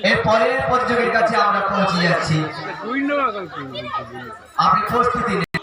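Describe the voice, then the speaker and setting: A man announcing contestants at a village fancy-dress contest, declaiming slogans over a loudspeaker. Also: high voice, moderate pace, far from the mic. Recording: echoey loudspeaker in loud crowd.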